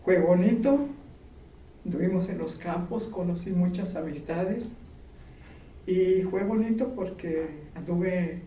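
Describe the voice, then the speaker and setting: A woman from Mexico, slowly and gently reminiscing in an interview. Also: lowish voice. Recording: roomy, distant, faint background noise.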